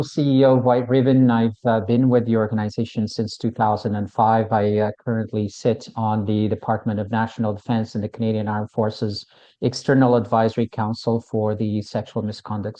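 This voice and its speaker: A middle-aged man introducing himself on a panel, halting with many fillers and repeated words. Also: fairly low pitch, mellow. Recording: slightly dull audio.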